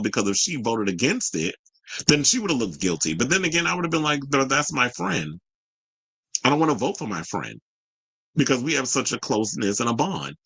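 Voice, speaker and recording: A man recaps a reality show and reads viewer reactions in casual, colloquial commentary, retelling what people said and acting out their quotes. His voice is lowish, a bit bright and slightly rough. The recording is low quality but has no echo.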